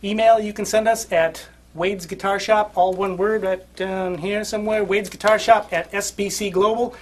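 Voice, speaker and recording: A man's voice: sits high, fairly even intonation, moderate pace. A man from the American Midwest hosting a casual guitar shop podcast, chatting loosely with many fillers and laughs. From Midwest United States. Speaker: host, guitar shop owner.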